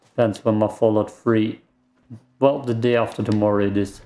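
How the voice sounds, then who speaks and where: This let's play gamer, whose first language is German, has a warm, lowish voice and speaks steadily at a moderate pace. Recorded on a desk mic at a home gaming rig, he rambles casually, reacts aloud, and puts himself down.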